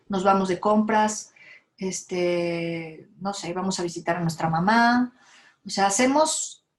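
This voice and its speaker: A woman with a Mexican accent lectures parents at a school talk on handling emotions. Her voice sits at an ordinary middle pitch. She keeps checking in with little tag questions and slips into quoted lines from parents and kids.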